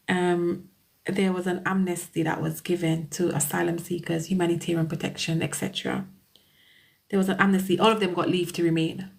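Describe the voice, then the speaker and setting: A woman with a Caribbean accent, an immigration solicitor chatting casually on a live stream, greeting viewers by name and laughing often. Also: on the low side.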